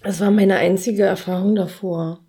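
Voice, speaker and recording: A woman in her thirties from Berlin, co-hosting a podcast and telling her story in relaxed chat with frequent laughs. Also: medium pitch, normal speed. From Berlin, Germany. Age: 30s. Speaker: podcast co-host.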